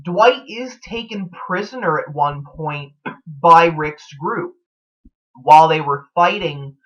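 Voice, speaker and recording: Slow and a bit bright, his voice on the high side, this TV theory vlog host muses casually and speculatively in a hesitant, rambling way. The recording sounds dull and lo-fi.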